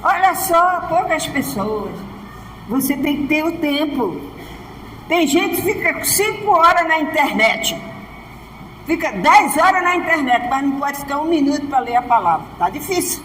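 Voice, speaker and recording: A woman's voice: high voice, lively intonation, moderate pace, a bit bright, slight background noise. A woman pastor with a Brazilian Portuguese accent, preaching a sermon from the church altar and often prompting her congregation for an "amen". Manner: preaches emphatically, often asking the congregation "Amém?". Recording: echoey church hall.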